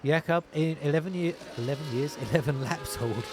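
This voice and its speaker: A man calling an online sim racing league race, narrating positions, tyres and penalties in steady play-by-play over a headset. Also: on the high side, fairly quick, a loud crowd. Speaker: lead commentator.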